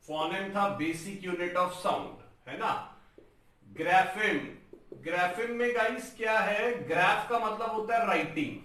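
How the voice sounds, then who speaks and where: A man teaching an English lesson, sounding out words slowly syllable by syllable and calling his viewers guys. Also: high-pitched, sharp tone, recorded from a distance. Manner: breaks words into slow, drawn-out syllables, addresses viewers as guys. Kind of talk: classroom-style lesson on a whiteboard. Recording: very echoey room, voice from off-mic.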